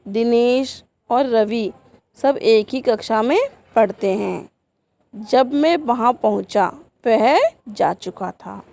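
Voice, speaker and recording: A woman teaching a grammar lesson to students, explaining rules slowly and reading out example sentences. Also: fairly high pitch, vocal fry, a little mellow.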